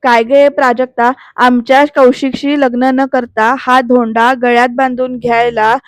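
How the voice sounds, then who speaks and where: A woman reading out the lines of a sharp-tongued, scornful middle-aged woman who fires off accusing questions. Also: fairly high pitch, level tone, measured pace, no room sound, close to an everyday voice.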